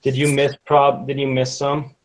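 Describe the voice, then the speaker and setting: A man's voice: mid-range voice, completely flat delivery, normal speed, noisy background. A man in a student study group, asking laid-back questions in casual chat.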